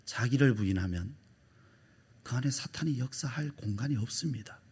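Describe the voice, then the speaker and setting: A man's voice: medium pitch, animated, normal speed, darkish tone, husky. A middle-aged man, a pastor, preaching a sermon with emphatic delivery, acting out quoted lines and dropping to a whisper.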